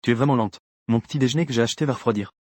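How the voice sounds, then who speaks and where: A man's voice: medium pitch, very fast, a little mellow, dry recording, close to an everyday voice. A man reading the lines of a playful, teasing teenage girl in a comic dub, in his own voice.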